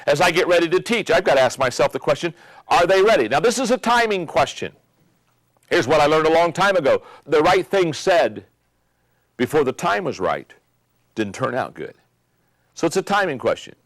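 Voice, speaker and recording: An older man giving a motivational leadership lesson, emphatic and repeating key phrases, slowing down for effect. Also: on the high side, very animated, no room sound. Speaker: leadership teacher. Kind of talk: motivational teaching talk.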